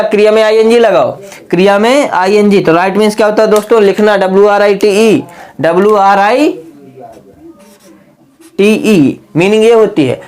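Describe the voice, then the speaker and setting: A man's voice: high voice, a little mellow. Man teaching grammar, full of rhetorical questions. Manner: repetitive, asks the class rhetorical questions and keeps calling them friends. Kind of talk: spoken grammar lesson.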